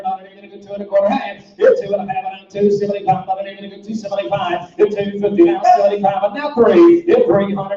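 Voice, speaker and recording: A man calling bids in an auctioneer's rapid, rhythmic, repetitive sing-song chant. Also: high voice. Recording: echoey hall, distant mic, dull sound.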